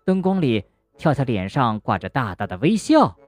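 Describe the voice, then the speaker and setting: A woman narrating a children's bedtime story gently and expressively, speaking to a young listener. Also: extremely low pitch, big pitch swings, moderate pace, no room sound, soft background music.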